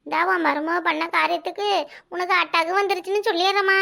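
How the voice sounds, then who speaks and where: Someone voicing a crafty village mother, squeaky. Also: steady tone, fast talker, vocal fry, bright, forceful tone, full character voice. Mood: scheming. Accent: Kanyakumari Tamil. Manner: coaxing, bossy, theatrical wailing. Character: scheming older village mother, crafty and bossy. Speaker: cartoon character. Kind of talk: comic cartoon voice acting.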